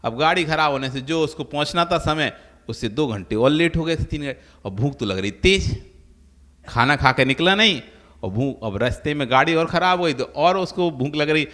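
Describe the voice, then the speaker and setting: A man's voice: a little high, lively intonation, moderate pace, fairly bright tone. A man, a monk, giving a sermon and telling everyday stories with acted-out voices. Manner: storytelling with acted-out quoted voices. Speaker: Jain monk preacher. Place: preaching hall. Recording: long hall reverb.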